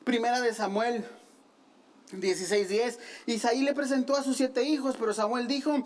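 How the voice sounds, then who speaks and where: Woman preacher with a fairly high voice, animated storytelling with teasing asides. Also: moderate pace. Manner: animated storytelling, acting out the quoted lines; playful, self-mocking asides. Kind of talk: sermon.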